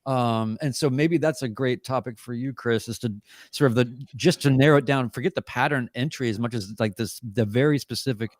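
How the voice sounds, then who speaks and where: A male podcast co-host talking casually, circling his point with hesitant restarts. His voice sits at a middle pitch and sounds close and dry. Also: fairly quick, no room sound. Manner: rambling, hesitant with fillers. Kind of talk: casual chat.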